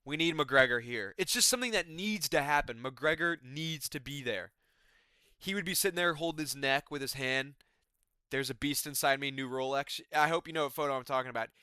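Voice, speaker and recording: A man doing casual comedic commentary as an MMA YouTuber. He rambles and runs himself down, with a bright, forceful tone. His voice sits a little high, recorded close and dry. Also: fairly quick, smooth, no room sound. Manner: rambling, self-deprecating.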